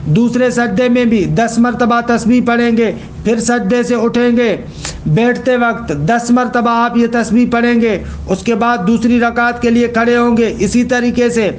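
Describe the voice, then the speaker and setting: High-voiced male religious teacher, methodical lecture delivery. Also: slight background noise. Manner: explains step by step, checks understanding with questions; recites quoted text slowly and deliberately.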